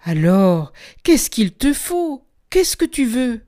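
A fussy, fretting farmer, acted by a woman reading a storybook, who keeps crying out in alarm and scolding. His lines come louder and higher than the narration, still delivered at an unhurried pace. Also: big pitch swings. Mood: agitated. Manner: exclaiming, agitated and scolding. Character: anxious, fussy old farmer fretting over his goats.

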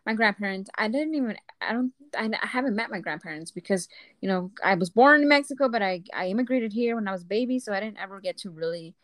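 Animated woman podcaster, dry sound. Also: mid-range voice, fast talker, dry recording. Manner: animated, drops in Spanish phrases. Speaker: podcast co-host. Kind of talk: casual chat.

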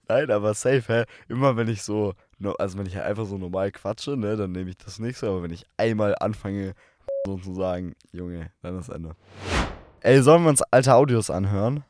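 A man's voice: fairly low pitch, moderate pace, a little mellow, dry recording, clean studio sound. A teenage boy co-hosting a podcast, slangy and full of swearing. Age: teens. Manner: slangy, swears, drops "Digga" constantly. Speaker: podcast co-host. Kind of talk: casual podcast chat.

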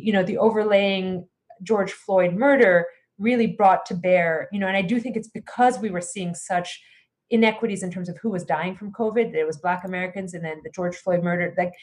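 A woman's voice: mid-range voice, a little mellow. A woman who grew up in Greece, answering interview questions earnestly as a congressional candidate, with many fillers and restarts.

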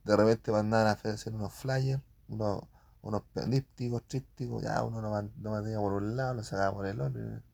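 A man's voice: lowish voice, fairly even intonation, brisk, gravelly, a little mellow. A man with a Chilean accent rambling casually about print shop work, full of slang and spoken sound effects.

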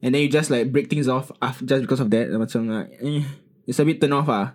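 A man's voice: mid-range voice, a little fast, a little mellow. A man with a Singaporean accent chatting casually, phrasing his thoughts hesitantly and mixing in words from another language. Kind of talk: casual group chat.

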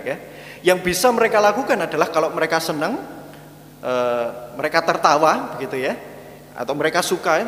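A man's voice: fairly high pitch, a bit bright. A man giving a sermon-style teaching talk, conversational, often turning to address his listeners directly. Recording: echoey hall with faint hum.

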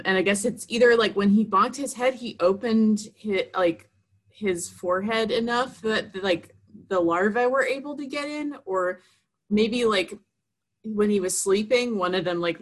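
A woman co-hosting a podcast, talking in an animated way with swearing and emphatic repeats. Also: mid-range voice, unhurried. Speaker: podcast co-host. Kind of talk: casual chat.

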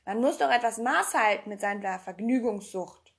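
A small, fearless storybook girl talks back with cool, mock-polite firmness, as a woman reading aloud puts her on. Her voice sits a touch high and rings out loud and clear. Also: normal speed. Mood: calm mocking. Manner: calm, mock-polite, firm.

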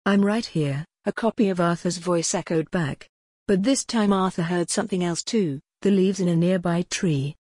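A woman narrating a children's storybook in a steady, even reading voice, giving the characters quiet voices. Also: on the low side, moderate pace, slightly rough, no room sound. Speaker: audiobook narrator.

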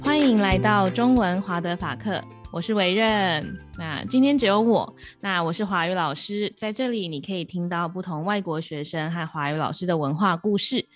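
A woman host opening a podcast episode and welcoming the listener in a measured way. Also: on the low side, faint music behind. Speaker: podcast host and Mandarin teacher. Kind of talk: show introduction.

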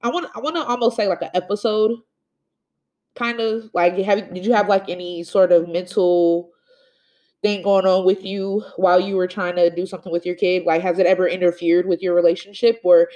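A woman's voice: on the low side, fairly even intonation, a little fast, mellow, highs cut off. A woman hosting a podcast in casual chat, asking hesitant questions full of fillers. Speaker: podcast host.

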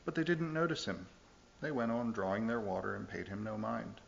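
A man's voice: lowish voice, brisk, vocal fry, dull audio, slight background noise. A man preaching a sermon in an earnest, emphatic way, pressing the listeners with questions. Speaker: pastor.

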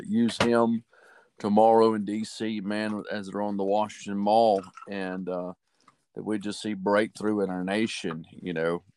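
Earnest low-voiced man in faith chat. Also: clear, resonant tone. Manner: earnest, loose, many fillers. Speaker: podcast co-host.

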